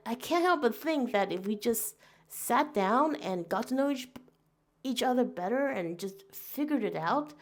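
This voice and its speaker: A woman in her forties from Taiwan, hosting a podcast with an earnest, reflective monologue full of fillers and restarts. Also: a little high. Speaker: podcast host.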